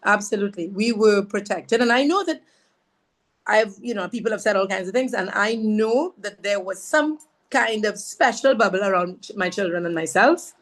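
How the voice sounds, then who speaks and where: A woman tells her story as a podcast guest, speaking at a middling pitch. She is earnest and pauses often, and she brings others' words to life as she recounts them. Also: animated. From Trinidad and Tobago. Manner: halting, with fillers and restarts. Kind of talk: conversational personal storytelling.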